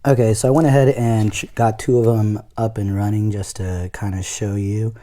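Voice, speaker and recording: In a casual unboxing demo, a product reviewer walks through things step by step in an informal way. His voice sits on the low side and sounds mellow, with fairly even intonation and a normal speed.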